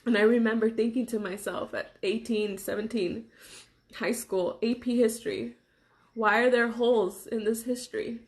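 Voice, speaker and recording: A young woman from Los Angeles, speaking earnestly in a personal monologue to camera, pausing between phrases. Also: a little high, fairly even intonation, darkish tone. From Los Angeles, USA. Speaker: vlogger.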